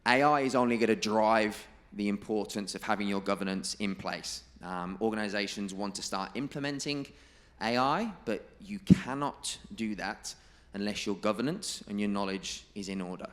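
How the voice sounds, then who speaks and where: A man giving a presentation to a live audience, emphatic and stressing key figures and quotes by repeating them slowly. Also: lowish voice. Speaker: conference presenter. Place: conference room.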